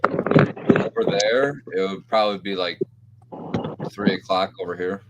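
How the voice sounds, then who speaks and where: A man co-hosting a casual wrestling chat, making blunt, deadpan, profane remarks. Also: low voice, measured pace, heavy background noise. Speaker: co-host.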